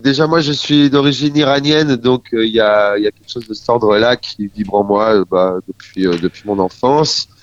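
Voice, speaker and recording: A French musician in his forties guests on a casual radio interview, speaking haltingly as he searches for words. His voice sits at medium pitch, and the recording is dull with no room sound.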